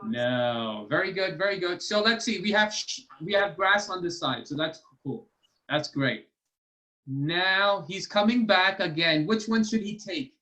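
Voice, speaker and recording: Speaking in a high, bright, pushed voice with lively intonation, this man hosts a children's storytime and trivia session over video call. He takes his time, explaining things step by step with patience and encouragement, like casual teaching for kids.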